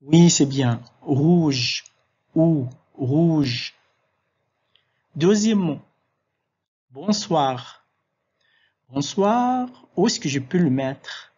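Slow, husky teacher spelling words aloud. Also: mid-range voice, expressive, a little mellow, dull audio. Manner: slow, clear spelling, switching to Arabic to explain. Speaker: French teacher. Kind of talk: classroom language lesson.

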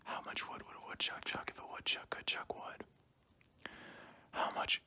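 A young man does an ASMR examiner roleplay through a cloth mask, speaking softly at normal speed and frequently slipping into whispers while repeating short phrases close to the mic. He's in a small, plain indoor room, and the home recording is clearly noisy with clicks.

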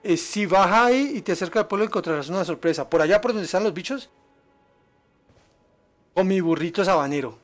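Streamer man, high voice, excitable live play commentary. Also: fairly quick, long pauses, soft background music. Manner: excitable, yelps and laughs at danger, chats with viewers. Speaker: gaming streamer.

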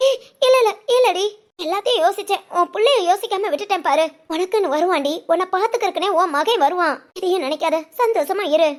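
Cartoon mom, middle-aged and fretful, woman voices her, squeaky-high, fast, rambling complaints. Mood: reassuring. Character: worried middle-aged village mother, lamenting. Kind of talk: cartoon family drama phone call.

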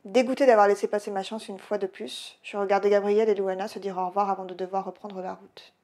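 A woman author reading her own novel aloud in a lively storytelling way. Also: mid-range voice, fast talker. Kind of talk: audiobook reading.

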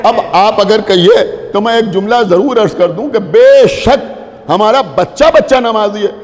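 A male cleric with a Lucknow Urdu accent, delivering an impassioned sermon to a gathering, repeating phrases and shouting rhetorical questions. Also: sits high, normal speed. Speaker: Shia cleric giving a majlis. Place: religious gathering hall. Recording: long reverb of a large hall.

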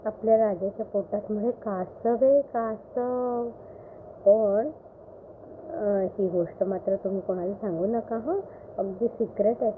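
A woman voicing a gossipy young village wife passing on a secret in a hushed way. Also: mid-range voice, fairly even intonation, a little slow, close to an everyday voice. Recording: phone-like line with faint hiss.

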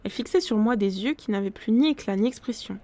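A woman reading a classic novella aloud on a live stream, in steady storytelling with occasional self-corrections. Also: mid-range voice, fast talker. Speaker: book reader on a live stream.

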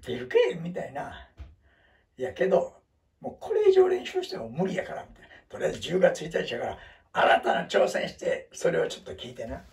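A man's voice: high voice, wildly swooping pitch, fairly quick, gravelly, darkish tone, recorded from a distance. A man in his seventies with a Kansai accent, talking to viewers in a rambling, self-deprecating, casual monologue. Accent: Kansai Japanese. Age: 70s. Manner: chatty, rambling, self-deprecating, jokes and laughs. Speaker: vlogger.

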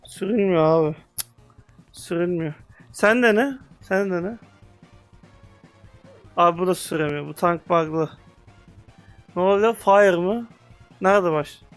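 A young man giving casual, excitable commentary on a VR game, slangy, with loud outbursts, sometimes speaking English. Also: sits high, slow, long pauses, clear, resonant tone, faint music behind. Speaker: gaming youtuber.

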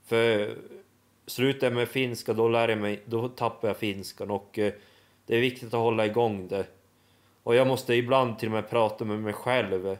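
A young man vlogging casually, halting and restarting often as he tries out new words. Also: on the low side, steady tone. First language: Swedish and Finnish. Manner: halting, full of restarts and fillers, sounding out foreign words. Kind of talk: casual vlog.

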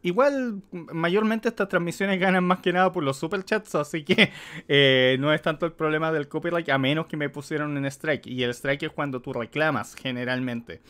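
A man's voice: on the high side, normal speed, a bit bright, smooth. A man streaming casual live commentary as he reacts to a film.

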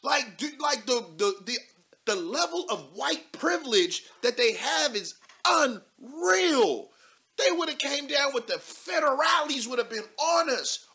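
A man in his thirties hosting a live political call-in show from a studio desk, talking loud and animated with casual slang and cursing. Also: very high voice. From United States. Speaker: talk show host.

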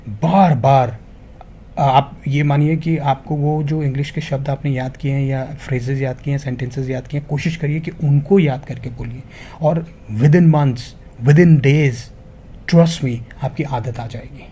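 A man's voice: medium pitch, steady tone, unhurried, mellow, slight background noise. A man giving an earnest, motivational spoken lesson, calling viewers his friends and slipping English phrases into his talk. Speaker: English teacher.

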